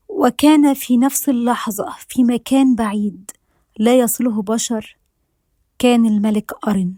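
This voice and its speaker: A woman with an Egyptian accent narrating a romance story in a soft, at times whispery way. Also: a little high, dry recording. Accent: Egyptian Arabic.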